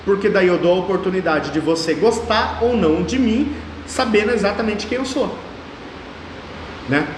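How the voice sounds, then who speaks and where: A high-voiced mayoral candidate in his thirties, with a São Paulo state Portuguese accent, argues his case in a political interview at normal speed. He's emphatic, repeating phrases to drive points home, while the room rings with long, echoey reverb over a faint hum.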